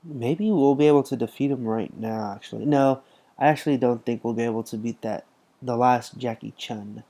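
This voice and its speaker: A man's voice: medium pitch, moderate pace, dark tone. A tired young man rambling casually as he comments on a mobile game he is playing, full of fillers and restarts. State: tired, yawning. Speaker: gaming channel host.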